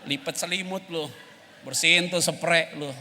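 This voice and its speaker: A man preaching a casual, animated sermon as pastor, slipping into English phrases and acting out dialogue. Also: fairly high pitch, a little slow, background noise. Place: church sanctuary. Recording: long church hall reverb.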